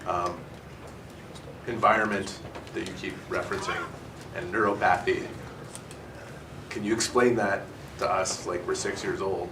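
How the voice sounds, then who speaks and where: A man's voice: sits low, fairly even intonation, unhurried, long pauses. A man asking a question as a reporter at a press conference, picked up in a noisy room away from the microphone. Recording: noisy, roomy, distant from mic.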